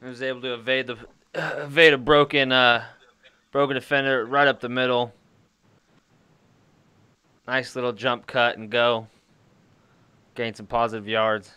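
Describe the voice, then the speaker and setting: Male color commentator, bright and crisp, chatty analytic tone, dry sound. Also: medium pitch, flat delivery, normal speed, long pauses, no echo. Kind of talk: casual sports commentary.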